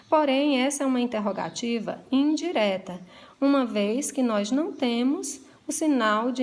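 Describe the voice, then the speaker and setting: A woman teacher, explaining grammar in a home-made lesson with deliberate emphasis on examples. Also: on the high side.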